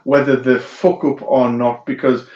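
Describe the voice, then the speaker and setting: A man's voice: mid-range voice, little pitch movement, unhurried, a little mellow. A man co-hosting a casual livestream, talking bluntly and swearing freely. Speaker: co-host. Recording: roomy dull-sounding remote mic.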